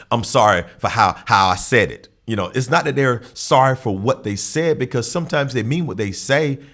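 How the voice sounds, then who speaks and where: A man hosting a podcast, giving an earnest, preacher-like motivational monologue and repeating phrases for emphasis. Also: medium pitch. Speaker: podcast host.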